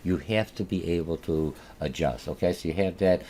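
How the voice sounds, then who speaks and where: Speaking at normal speed in a deep, warm voice, a native Polish speaker with a Polish accent delivers a recorded marketing lecture for college students. His talk rambles, full of fillers and restarts.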